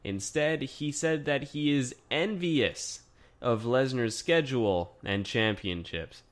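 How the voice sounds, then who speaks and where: A man hosting a podcast, talking through a casual solo review in a chatty, excitable way with lots of fillers. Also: medium pitch, slow. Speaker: podcast host.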